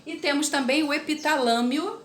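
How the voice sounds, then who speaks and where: A woman's voice: high voice, normal speed, echoey room, a little hiss or hum. A woman teaching a recorded literature class, explaining terms step by step and checking in with her students. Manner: explanatory, checks in with tag questions.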